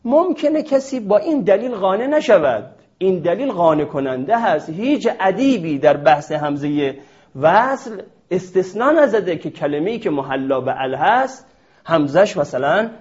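A male teacher delivers a classroom lecture at a board, walking through a rule step by step. His pitch sits a little high and swings widely as he poses questions to his students. The recording is dull and lo-fi. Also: sing-song, a little mellow. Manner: explains step by step with rhetorical questions.

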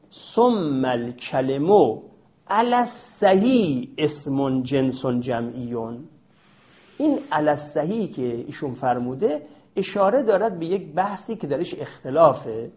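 A man gives a grammar lecture in a lively, rising-and-falling voice, slowing down to stress each key term. His voice sits a little high for a man. The recording is dull and muffled. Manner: animated, stresses terms by repeating them slowly. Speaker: teacher of Arabic grammar. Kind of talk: classroom lecture.

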